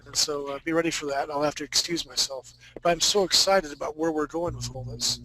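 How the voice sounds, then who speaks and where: A man's voice: a little high, fairly even intonation, a little fast, bright, forceful tone, poor audio. A man hosting a live online art class in a casual, enthusiastic and joking way. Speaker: class host and instructor.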